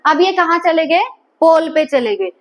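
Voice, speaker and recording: A woman's voice: very high voice, expressive, a little slow. A woman teaching a biology class, asking her students questions and repeating their answers. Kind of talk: classroom lecture.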